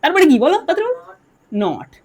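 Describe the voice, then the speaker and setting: A woman's voice: very high voice, wildly swooping pitch, brisk, a little mellow. A woman teaching English grammar to a class, drilling her students and telling them to answer aloud. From Bengal. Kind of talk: classroom lesson.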